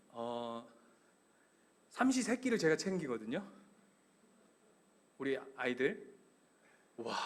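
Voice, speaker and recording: A middle-aged male pastor preaching a sermon, animated and joking, acting out the voices of people in his stories. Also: a little high. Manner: animated, acts out voices of Bible figures and his kids, jokes with the congregation.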